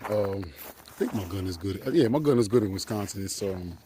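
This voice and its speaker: A man's voice: on the low side, lively intonation, fairly quick, dark tone, slight background noise. A man vlogging outdoors in winter, talking in a slangy, chatty way and a little out of breath. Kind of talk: casual outdoor vlog. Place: outdoors on a frozen lake in winter.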